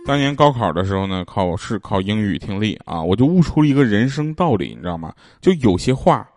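A man with a Northeastern Chinese accent hosts a podcast, speaking in a fairly low, very animated voice at a brisk pace. He tells casual, comedic stories to listeners, joking and often laughing as he talks. The studio-quality audio has no room sound.

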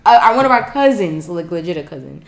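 Animated joking woman in a roomy echo. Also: fairly low pitch, fast talker. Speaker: podcast co-host. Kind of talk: casual chat.

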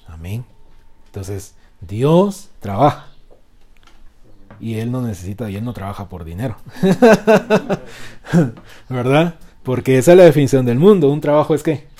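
A man delivers a sermon in call-and-response with his listeners. His voice is dark and mellow at a medium pitch. He rises loud for emphasis and then falls soft. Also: normal speed. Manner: animated, swings loud and soft. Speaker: preacher.

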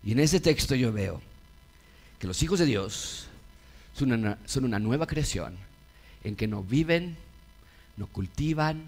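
Man, pastor, sermon, middle-aged, mid-pitched voice, loud peaks and hushed asides. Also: expressive, unhurried, pauses often, soft background music. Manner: swings between loud emphatic peaks and quiet low asides; acts out quoted voices of listeners.

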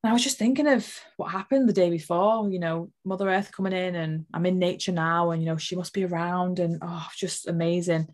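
Woman, lowish voice, earnest, emotional, storytelling, interview guest. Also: steady tone, fairly quick, hardly any pauses, darkish tone. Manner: earnest, emotional, many fillers. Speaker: guest sharing a spiritual story. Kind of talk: personal storytelling.

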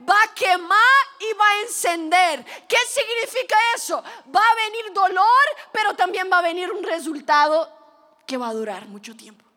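A woman preacher giving a sermon, telling stories with animated delivery and breaking into shouts. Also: very high-pitched, moderate pace.

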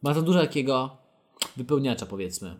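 Lively young man reading aloud. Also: medium pitch, brisk. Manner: laughing, mock-dramatic reading of quotes. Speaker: podcast host. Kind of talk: reading a fan story aloud with a co-host.

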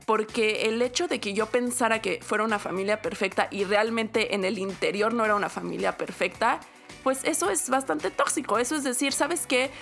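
A woman's voice: fairly high pitch, a little fast, creaky, soft background music. A young woman from Mexico with a Mexican Spanish accent, telling a personal story in a casual podcast chat, acting out quotes. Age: young adult. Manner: animated storytelling with acted quotes.

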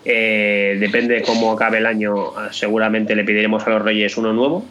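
A man in a casual tech chat, talking haltingly and repeating his words as he restarts. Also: fairly low pitch, level tone, fairly bright tone, slight background noise.

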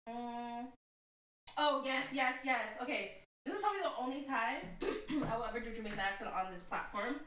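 Woman, podcast co-host, giggly, lively bright voice, echoey room far from the mic. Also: a little high, moderate pace. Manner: giggly, laughs often mid-sentence. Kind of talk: casual chat.

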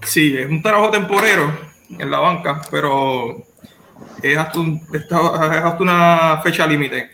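A man's voice: a little high, a little slow, pushed and bright. Man in a roomy, echoey space. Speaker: podcast guest. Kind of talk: casual podcast chat. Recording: roomy echo, faint noise.

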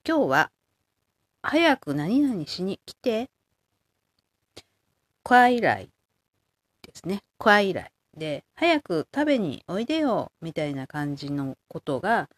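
A woman hosting her own short language-learning show, explaining words patiently with frequent pauses and fillers. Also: medium pitch, no echo. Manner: slow, patient explanations with drawn-out example words; frequent filler "eh" before points. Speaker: language learning podcast host. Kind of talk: casual solo language lesson.

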